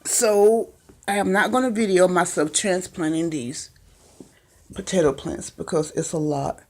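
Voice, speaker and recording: A gardening vlogger gives a casual home video tour of her small makeshift indoor greenhouse, filmed on a handheld phone. Her voice is on the low side, a little slow and mellow, and she's chatty and meandering with lots of ums, over slight background noise.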